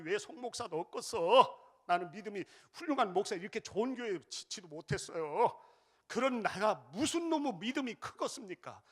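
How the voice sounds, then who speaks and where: A man preaching a revival sermon as pastor, with a Jeolla accent, shouting chants for the congregation to repeat and then dropping into chatty storytelling. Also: high voice, husky. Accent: Jeolla Korean. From Jeolla, South Korea. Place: church sanctuary.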